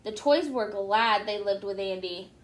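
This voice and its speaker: A woman reading a children's storybook aloud in an expressive, animated way. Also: mid-range voice, a little slow. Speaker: storybook reader. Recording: echoey room.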